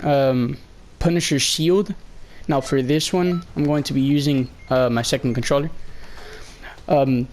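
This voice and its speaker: Fairly high-pitched and darkish in tone, with a bit of hiss or hum, this young man narrates a laid-back game walkthrough. A mild illness is making his voice give out, and his commentary wanders, hesitant and packed with fillers.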